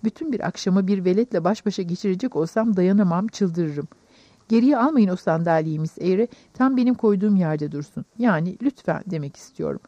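A woman reading the part of a sarcastic, brusque middle-aged gentleman in an audiobook, with a deep, mocking voice, on a dull recording. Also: lively intonation, a little fast, no echo.

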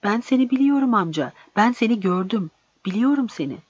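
A woman voicing an eager, friendly village boy who pleads in a raised, bright voice. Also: fairly high pitch, animated, a little fast, breathy edge, dry recording. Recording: dry, slightly dull recording.

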